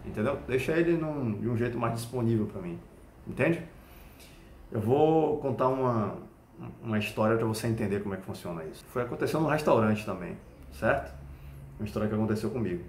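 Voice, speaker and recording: A Brazilian man, a Krav Maga instructor, explaining a point through an animated personal story and often checking whether the listener follows. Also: medium pitch, fairly quick, a little hiss or hum. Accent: Brazilian Portuguese. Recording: echoey room.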